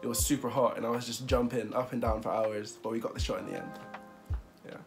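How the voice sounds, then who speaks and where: A man's voice: medium pitch, steady tone, fast, vocal fry, over music. A man of twenty-one chatting casually in a vlog interview, rambling with fillers and frequent laughs. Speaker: vlogger.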